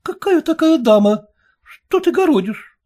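A woman voicing a haughty, irritable young married woman in an audiobook, with a sharp, scornful manner. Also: high voice, lively intonation, measured pace, pitched above the performer's own voice. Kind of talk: audiobook reading.

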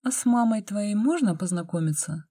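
A woman's voice: mid-range voice, lively intonation, a little fast, mellow, breathy edge, no echo, clean studio sound, voice pushed up. A woman voicing a guarded young woman who asks wry, probing questions.

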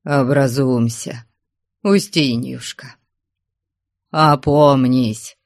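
A woman voicing a flustered, anxious man who pleads in a hushed voice. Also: deep voice, very animated, slow, no echo, studio quality, full character voice. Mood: pleading.

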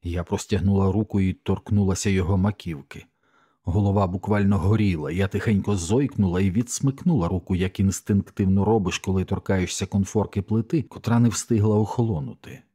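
A man narrating a horror audiobook in a measured, somber way. His voice sits very low with a dark, mellow tone. The recording is close and completely dry. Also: breathy edge, dry recording.

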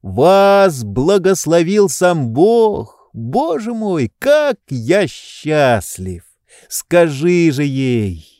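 Brief: male reader doing an idle, soft-hearted gentleman, slow and emotional, pitch rising and falling a lot, dry close sound. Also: big pitch swings, no room sound. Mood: joyful. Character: dreamy idle gentleman, overjoyed and tearful.

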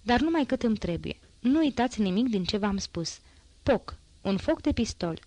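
A woman voicing a stern male police inspector who gives quick, firm orders, in an audiobook reading. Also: fairly high pitch, animated, a little mellow, no room sound, voice pushed up. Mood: brisk.

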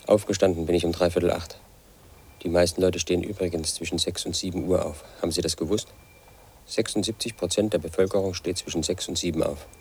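A lead radio-play actor delivers a brooding monologue as a lonely, paranoid 38-year-old man who confides in a pedantic way and is obsessed with statistics and codes. His low voice is quick and steady, with a darkish tone and a breathy edge.

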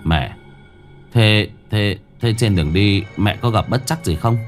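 An actor playing a frightened young man who stammers questions and then shouts threats through a door. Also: lowish voice, measured pace, soft background music, close to an everyday voice. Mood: wary stammer. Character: frightened young man guarding his home.

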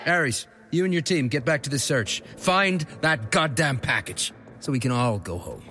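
Heist boss, cold and clipped, animated pitch. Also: male voice, normal speed, faint music behind. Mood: commanding. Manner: curt commands. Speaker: heist crew leader.

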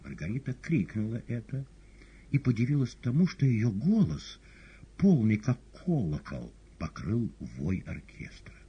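Deep husky male audiobook narrator. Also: measured pace, lo-fi sound. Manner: expressive, dramatic reading. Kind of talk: scripted literary narration.

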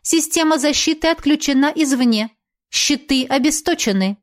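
A woman's voice: sits high, normal speed, pitched above the performer's own voice, lightly acted. A woman voicing the formal computer aboard a spaceship, making clipped alert announcements in a science fiction audiobook. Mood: urgent alert.

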